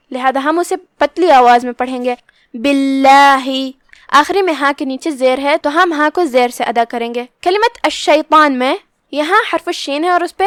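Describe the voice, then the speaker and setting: A woman teaching Quran recitation, slowly and carefully explaining how each letter is pronounced. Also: sits high, no room sound, studio quality. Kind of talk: step-by-step tajweed lesson.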